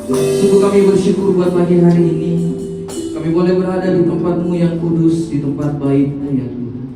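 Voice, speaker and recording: A man preaching in a church, praying fervently and then telling a story to the congregation. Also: sits high. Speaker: pastor. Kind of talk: sermon with opening prayer. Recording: echoey church hall from far off.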